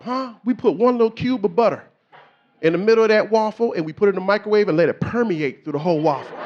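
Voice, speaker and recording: A man performing a stand-up comedy set on a club stage, telling stories animatedly and shouting his exasperated quoted lines. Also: extremely high pitch, lo-fi sound.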